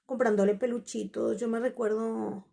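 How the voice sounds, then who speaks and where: A woman's voice: on the high side, flat delivery, normal speed, vocal fry, mellow. A woman, candidly telling the story of her breakup to her viewers. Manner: candid, conversational, quotes past dialogue. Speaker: vlogger. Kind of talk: confessional storytelling.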